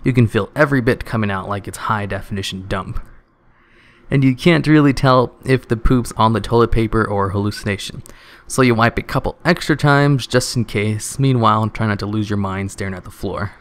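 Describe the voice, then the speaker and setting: A man's voice: lowish voice, fairly quick. A man hosting his channel, casually reading online comments aloud in a dry voice and holding back laughs.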